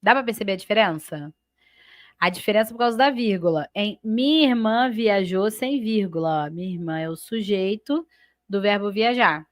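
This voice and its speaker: A woman's voice: mid-range voice, moderate pace, no room sound, clean studio sound. A Brazilian woman teaching grammar in a live online class. She explains step by step, checks in often with her students, and stretches out key terms as she names the parts of each sentence. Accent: Brazilian Portuguese. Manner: stretches and stresses key words while labeling sentence parts.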